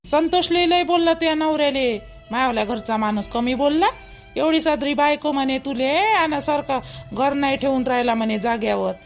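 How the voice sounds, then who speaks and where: In a high-sitting voice at moderate pace, a woman plays a gossipy, protective busybody elder in a village cartoon, offering advice and indignant gossip in colloquial Vidarbha Marathi. Soft music plays in the background.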